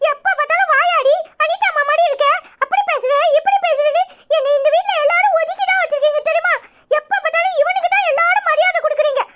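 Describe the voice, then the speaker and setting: Type: cartoon. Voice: very high-pitched chatterbox schoolgirl with a Tirunelveli accent. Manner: whiny, pleading, nonstop. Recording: noisy. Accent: Tirunelveli Tamil. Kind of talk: cartoon voice acting.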